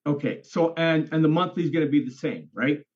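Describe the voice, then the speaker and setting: A man's voice: a little high, fairly quick, darkish tone. An enthusiastic man on an online group call asking questions, his voice coming through a bad, breaking-up internet connection. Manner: enthusiastic, emphatic, repeats for stress. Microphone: computer or phone on a video call. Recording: dull lo-fi internet call audio.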